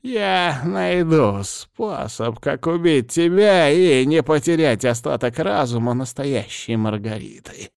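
A man voicing an irritable old male healer who shouts and drags out his words. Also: a little high, lively intonation, creaky, clean tone, no room sound, clean studio sound, voice pushed up, heavily acted. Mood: grumbling. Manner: shouting, strained and drawn-out.

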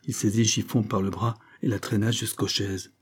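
A man reading a novel aloud in steady scripted narration. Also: fairly low pitch, moderate pace, breathy edge. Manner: steady storytelling. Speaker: audiobook reader.

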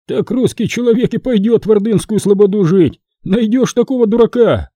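A man's voice: high-pitched, moderate pace, warm tone, dry recording, voice pushed up. A male narrator voicing doubtful, grumbling peasant men questioning a stranger in an audiobook. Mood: skeptical. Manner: skeptical, querulous.

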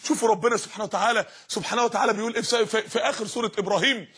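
A man preaching with an Egyptian accent, fervent and dramatic, rising to shouts and posing rhetorical questions. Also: sits high, steady tone, very fast, husky. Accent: Egyptian Arabic. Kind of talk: impassioned sermon.

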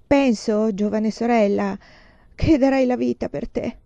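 A bashful young man speaks in soft, halting words, never quite meeting her eyes, as a woman reading a storybook gives him voice. Her tone stays mellow and warm, recorded dry and a touch dull. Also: very high-pitched, creaky, no echo, voice pushed up, full character voice. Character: shy, devoted young man.

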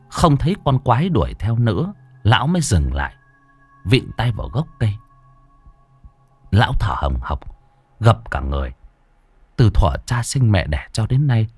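A man's voice: on the low side, moderate pace, pauses often, husky, dry recording, soft background music. A man narrating a horror folk tale in a dramatic storytelling style. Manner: animated, swooping delivery. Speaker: audiobook narrator.

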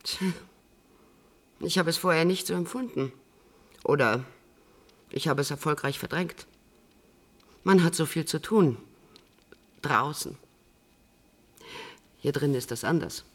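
An actress playing a composed, middle-aged woman held in custody, speaking in a measured, precise way in a radio drama. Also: low-pitched. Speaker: prisoner on remand giving an interview.

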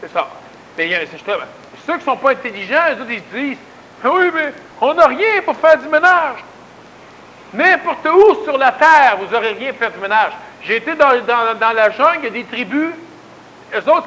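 This man's voice is extremely high, pushed and bright, heard on a low-quality recording with slight background noise. A Québécois spiritual lecturer, he gives a folksy, forceful conversational talk, often doubling up words for stress.

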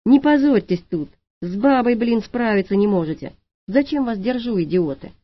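A woman's voice: mid-range voice, lively intonation, normal speed, no room sound, natural voice. A woman voicing a curt, commanding young man who barks clipped orders, in an audiobook. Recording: dry, slightly dull lo-fi audiobook.

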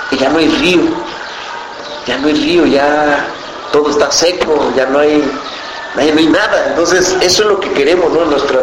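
A man from the mountains of Guerrero, Mexico, with a Mexican accent and Mixtec as his first language, answering interview questions for a community radio station in an earnest, unhurried way. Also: fairly high pitch. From Guerrero mountain region, Mexico. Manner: earnest, unhurried, often checking with "¿no?". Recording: roomy with background noise.

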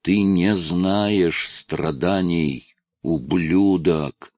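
A man voicing a desperate, tearful eighteen-year-old male addict who shouts and pleads with his father, in a dry, close recording. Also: low-pitched, very slow, dry recording, pitched below the performer's own voice. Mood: agitated.

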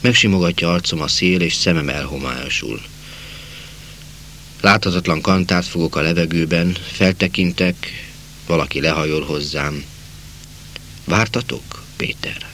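A man narrating a literary novel in a measured reading voice, slowing down for quiet passages. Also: rumbling low, a little hiss or hum. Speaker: audiobook narrator.

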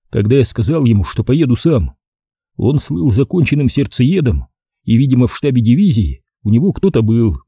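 A man narrating a first-person audiobook in a measured storytelling manner. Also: mid-range voice, warm tone, breathy edge, no echo, clean studio sound.

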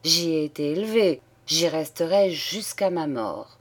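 A woman's voice: deep voice, expressive, measured pace, full character voice. A woman reading an audiobook, voicing a smug young office clerk who courts with polished, condescending airs. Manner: smooth and condescending.

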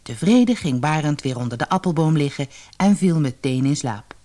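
A woman's voice: sits low, animated, normal speed. A woman narrating a children's fairy tale in a scripted storybook reading, lifting her voice for the characters' lines. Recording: soft music behind the voice.

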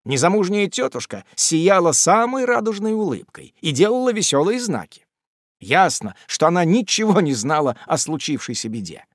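Male audiobook narrator, expressive storyteller, dry close recording. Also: a little high, normal speed, no room sound. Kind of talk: audiobook reading of a classic novel.

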